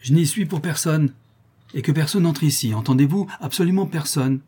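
A man's voice: mid-range voice, moderate pace, warm tone, husky, close to an everyday voice. A man reading aloud and voicing a proud aristocratic countess who speaks in an imperious, emotional way.

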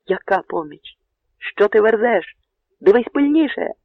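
A man's voice: fairly high pitch, a little slow, vocal fry, husky, dry recording, exaggerated voice. A man voicing a brooding, stern Cossack colonel who mutters his thoughts, in an audiobook reading. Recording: narrow phone-like radio sound.

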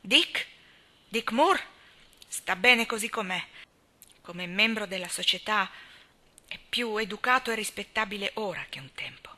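A woman voicing an outspoken, indignant older spinster who scolds in a high, emphatic voice. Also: lively intonation, unhurried, pauses often, bright, forceful tone. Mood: scolding.

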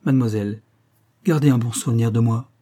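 A man's voice: mid-range voice, fairly quick, warm tone, natural voice. A man voicing a tearful, remorseful married woman who speaks in a hesitant, pleading way.

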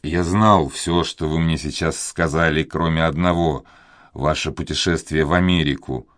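A man voicing a courteous, impatient young gentleman in love, speaking in his own deep voice. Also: fairly even intonation, moderate pace, dry recording, studio quality. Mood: urgent courteous. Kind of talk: audiobook character reading.

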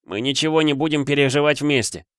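A man's voice: fairly high pitch, fairly even intonation, fairly quick, a bit bright, clear, resonant tone, no room sound, clean studio sound, pitched above the performer's own voice, close to an everyday voice. A man voicing a bitter eleven-year-old boy who speaks harshly and accusingly.

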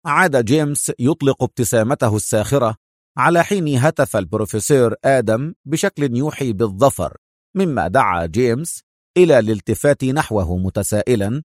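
A man's voice: mid-range voice, expressive, fairly quick, dry recording, studio quality. A man narrating an action thriller audiobook in a vivid storytelling manner.

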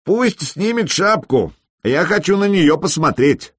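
A man voicing a drunk, loud, jeering brawler. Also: fairly high pitch, very animated, a little slow, slightly rough, no echo, studio quality, pitched above the performer's own voice, exaggerated voice. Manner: yelling, crude, taunting. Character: drunk brash male warrior, loud insulting bully.

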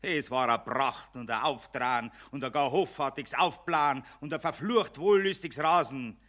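A man's voice: mid-range voice, normal speed, close to an everyday voice. A man playing a bossy, mocking spirit of Money in a Bavarian dialect verse play, taunting and theatrical. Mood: gloating menace. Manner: taunting, theatrical, swooping from shouts to hushed menace.

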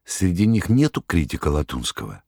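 A man reading an audiobook, voicing a proud, fierce woman who turns sharp and pleading. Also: low-pitched, huge pitch swings, normal speed, no room sound, clean studio sound, full character voice. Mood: curious.

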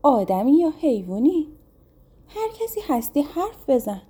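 A woman's voice: sits high, very animated, dark tone, voice pushed up. A woman voicing a lonely young sister in a folktale, speaking in a pleading, sorrowful way. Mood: curious.

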